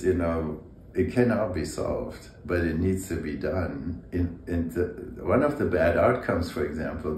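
An older man, an architect and urban planner, speaking as a guest in an indoor interview, in a thoughtful and measured way with occasional hesitations. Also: very deep voice, darkish tone. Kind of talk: conversational interview. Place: indoor room with brick walls. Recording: roomy echo, faint background hum.

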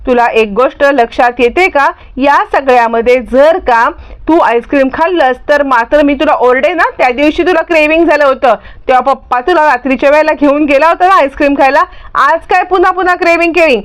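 A woman's voice: sits high, a little fast, close to an everyday voice. A woman voicing a young married mother who pleads with her own mother and lectures her child. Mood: strict. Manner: pleading and strict by turns.

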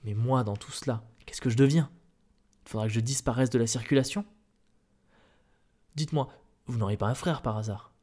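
A man playing an outraged painter who protests and pleads, in a soft-spoken ASMR reading. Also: mid-range voice, normal speed, long pauses, close to an everyday voice. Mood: bewildered. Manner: exasperated, protesting. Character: indignant middle-aged male painter, outraged and desperate.

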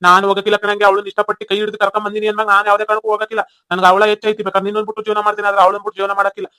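A man's voice: high-pitched, monotone, very fast, pushed and bright, smooth, no echo. A man voicing a stubborn young village man. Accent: North Karnataka Kannada. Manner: stubborn, insistent. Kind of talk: cartoon voice acting.

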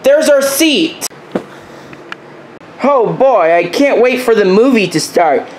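Excitable woman voicing toy characters. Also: fairly high pitch, slow pace, a little hiss or hum. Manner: lively, excitable, exaggerated. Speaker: home video creator voicing characters. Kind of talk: playful character voices for a toy video.

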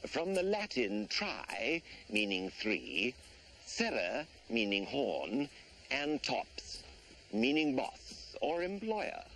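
A man's voice: medium pitch, sing-song, extremely slow, fairly bright tone, a little hiss or hum, heavily acted. A man narrating a mock nature documentary in a pompous, portentous manner.

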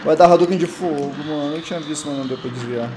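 A young man with a Brazilian Portuguese accent, excitedly commentating his own gameplay, yelping and exclaiming at every hit. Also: a little high, fast. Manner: excitable, yelps and exclaims constantly, self-mocking. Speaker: gaming channel host. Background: faint game music.

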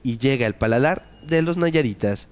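A man reading a scripted news feature in an upbeat, clear voice. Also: medium pitch, lively intonation, moderate pace. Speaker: news reporter.

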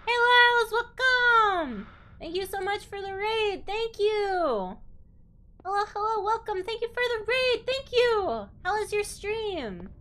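A woman's voice: very high voice, sing-song, slow, bright, forceful tone. A woman livestreaming a video game and chatting casually in a cute, bubbly anime streamer manner. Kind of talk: casual livestream chat while gaming.

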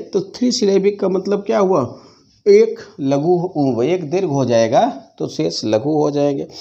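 This English literature lecturer has a slightly high, mellow voice and switches between Hindi and English, raising questions only to answer them. He speaks at a slow dictation pace and says important phrases more than once. The classroom audio is dull and lo-fi.

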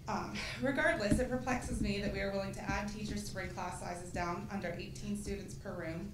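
A woman in her thirties, a parent, reading a prepared statement at a podium in a concerned, steady, matter-of-fact way in a meeting room. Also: mid-range voice, reverberant, background noise. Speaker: parent speaking at public comment. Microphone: podium microphone filmed by far camera.

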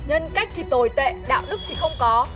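A stern young doctor, played by a woman, in a web skit drama. She scolds firmly in a very high, quick voice. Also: expressive, music in the background. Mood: reproachful. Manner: firm, reproachful. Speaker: actor.

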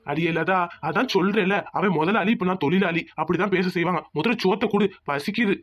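A man's voice: high voice, fairly quick, a bit bright. A man voicing a patient village farmhand. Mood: calm, consoling. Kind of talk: cartoon voice acting.

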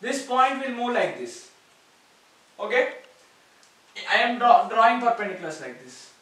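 High-voiced man lecturing in an echoey room. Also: very animated, unhurried, a bit bright. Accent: Indian English. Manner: explains step by step, repeats key words. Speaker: maths teacher. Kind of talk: whiteboard lecture. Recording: echoey room, far from mic.

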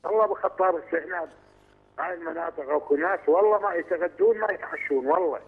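A man's voice: fairly high pitch, fast talker, slightly rough. An indignant man with an Iraqi accent calling in to a talk show, repeating himself as he talks. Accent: Iraqi Arabic. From Iraq. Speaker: caller. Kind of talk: phone-in call. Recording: tinny phone line in a reverberant studio.

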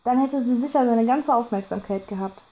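A woman narrating a horror audiobook in a calm, measured storytelling voice. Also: fairly high pitch, poor audio.

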